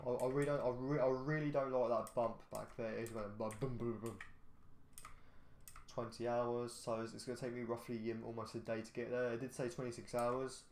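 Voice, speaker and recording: A tired gaming YouTuber yawns as he plays a driving game, giving rambling, hesitant casual commentary and often restarting his sentences. His mid-range voice is flat, a little mellow, and brisk with few pauses. The room is echoey, with faint background noise.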